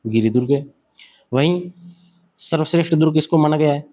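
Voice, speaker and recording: A man's voice: a little high, a little fast, mellow. A man giving an exam-prep lecture, asking questions and answering them himself while he sketches on a board. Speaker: teacher.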